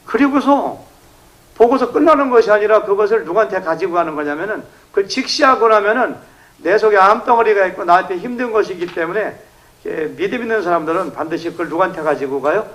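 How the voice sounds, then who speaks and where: A man's voice: high-pitched, fast, low-quality recording. A male pastor preaching an emphatic revival sermon in a church, leading the congregation in reading. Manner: emphatic, animated, acting out shouted prayers. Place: church sanctuary.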